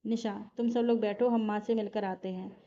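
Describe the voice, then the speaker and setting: A woman's voice: mid-range voice, steady tone, moderate pace, lightly acted. A woman voicing a cheerful, insistent young woman friend. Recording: dull lo-fi recording.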